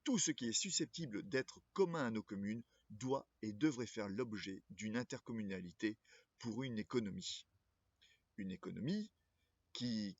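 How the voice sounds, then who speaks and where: This man, a local political candidate, delivers a scripted address formally and at a measured pace, occasionally tripping on words. He has a fairly low pitch, captured in a dry, lo-fi recording.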